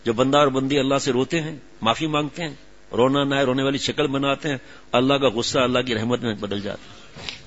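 A man's voice: medium pitch, steady tone, fairly bright tone. A middle-aged male preacher delivering an earnest, heartfelt sermon. He tells stories and acts out the voices of the people in them. The recording is dull and lo-fi. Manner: storytelling with acted-out quoted dialogue; emotional, earnest.

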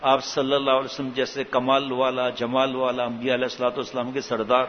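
A man's voice: mid-range voice, monotone. A man giving an informal religious talk in a conversational way, with rhetorical questions and frequent restarts. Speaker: religious preacher. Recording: dull lo-fi recording with faint hiss.

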